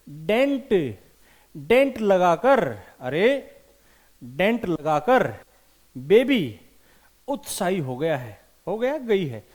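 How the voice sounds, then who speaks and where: A man teaching English vocabulary for competitive exams, animated and repeating key words slowly for emphasis. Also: high-pitched. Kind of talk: vocabulary lesson with memory tricks.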